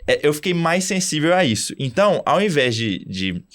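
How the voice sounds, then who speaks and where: A young adult Brazilian man, a doctor hosting a casual podcast, telling a story in an animated way with many restarts. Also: on the high side, moderate pace. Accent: Brazilian Portuguese.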